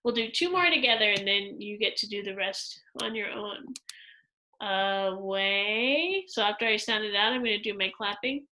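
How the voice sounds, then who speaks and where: A woman teacher walking second graders through a worksheet in a slow, patient lesson, explaining each step aloud. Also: medium pitch, sharp tone, a little hiss or hum, low-quality recording. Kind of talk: instructional screen-recorded lesson.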